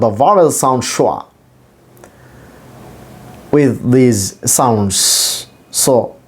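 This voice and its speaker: With a medium-pitched, somewhat mellow voice, a Bangladeshi man whose first language is Bengali walks learners through English pronunciation. His delivery is deliberate, repetitive and demonstrative.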